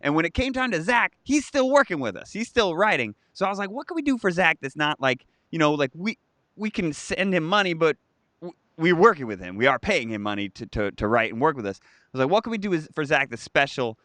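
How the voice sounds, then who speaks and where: A man in his thirties co-hosts a live stream, chatting casually and rambling through stories and viewer comments with lots of restarts. His fairly high voice is brisk and animated, with no room sound.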